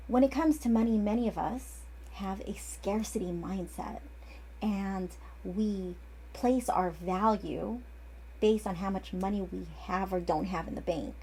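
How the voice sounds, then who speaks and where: Slight background noise sits behind this medium-pitched, darkish voice of a woman in her forties. She's an acupuncturist teaching informally, chatting away, digressing often, and frequently starting over.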